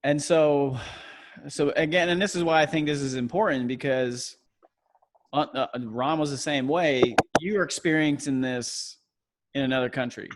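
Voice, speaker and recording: A man's voice: a little high, steady tone, moderate pace. A man hosting a podcast, asking questions in loose, chatty talk. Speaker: podcast host. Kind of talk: casual interview chat.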